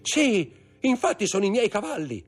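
A man voicing an indignant, haughty aristocratic baroness in a high, scolding put-on voice for an audiobook. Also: very animated, brisk, husky, faint music behind. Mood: alarmed. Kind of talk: audiobook character voice.

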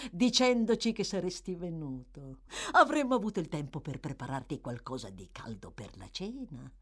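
Sly old man, voiced by a woman: low, hushed, wheedling and fawning. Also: husky, heavily acted. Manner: low, oily, half-whispered mock humility.

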